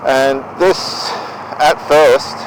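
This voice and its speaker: An Australian man giving an unscripted talk to viewers in a deliberate, halting way. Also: medium pitch, fairly even intonation, low-quality recording. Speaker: vlogger giving relationship advice. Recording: outdoor noise behind the voice.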